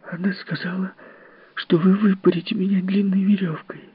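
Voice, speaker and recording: A man's voice: high-pitched, little pitch movement, moderate pace, no echo, voice pushed up. Frightened crying little boy. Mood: tearful pleading. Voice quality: soft, breathy, tearful. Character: frightened crying small boy, timid and pleading. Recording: dull, dry audiobook recording.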